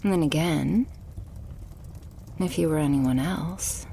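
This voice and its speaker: In an intimate ASMR roleplay, a woman heavily acts a devoted, possessive, murderous vampire girlfriend, speaking slowly and breathily and drifting into close-mic whispers. Her low voice is mellow and adoring, with slight background noise.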